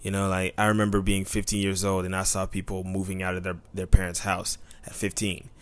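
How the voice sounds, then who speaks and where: A man's voice: low-pitched, monotone, brisk, a bit bright, clear, resonant tone. A man in his twenties co-hosting a podcast, rambling and joking with lots of "you know". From Tampa, Florida. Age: 20s. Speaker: podcast co-host. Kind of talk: casual podcast chat.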